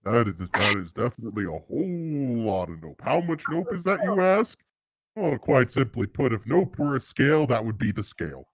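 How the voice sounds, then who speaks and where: A man's voice: medium pitch, sing-song, moderate pace, no room sound. A man voicing a brash male adventurer who rambles and repeats himself. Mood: wry. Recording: dull lo-fi sound.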